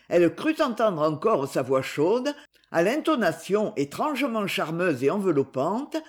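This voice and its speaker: A woman narrating a novel as an audiobook reader, expressive in her reading. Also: lowish voice.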